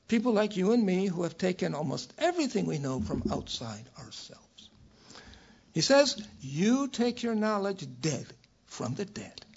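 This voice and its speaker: Raspy, high-pitched older male professor. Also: dull audio. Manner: measured, erudite, professorial phrasing. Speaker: academic lecturer. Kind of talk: scholarly lecture read from a prepared text.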